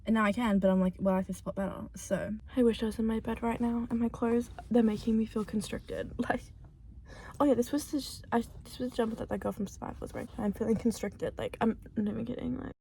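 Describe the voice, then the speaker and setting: A woman's voice: fairly high pitch, fairly even intonation, fast talker, gravelly, dark tone, a little hiss or hum. A young woman vlogging casually to camera, rambling with lots of fillers and self-mocking asides.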